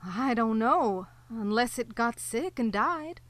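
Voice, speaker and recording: A timid high-voiced sheriff's wife. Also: female voice, expressive, slow pace, a little hiss or hum. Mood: mild. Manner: hesitant, gentle, period rural speech. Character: timid sheriff's wife, young woman, soft. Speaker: Mrs Peters. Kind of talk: live audio drama. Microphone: home microphone in a closet.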